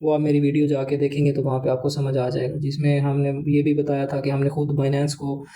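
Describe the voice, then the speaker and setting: A man's voice: mid-range voice, completely flat delivery, a little fast, warm tone, poor audio. A man casually walks viewers through an app, rambling and leaning on filler phrases. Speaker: crypto channel host. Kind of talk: casual explainer walkthrough.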